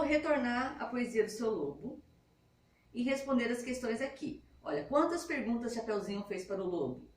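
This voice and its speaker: A woman's voice: fairly high pitch, slight background noise. A woman teacher giving a patient, step-by-step lesson to schoolchildren. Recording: echoey room, mic at a distance.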